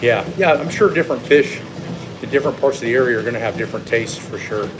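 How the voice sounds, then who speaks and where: A fitness coach hosts a live Q&A on a livestream while walking on a treadmill, casually explaining things and sharing his opinions with viewers. His voice is medium-pitched and quick. The recording is clear, with a steady machine hum behind him.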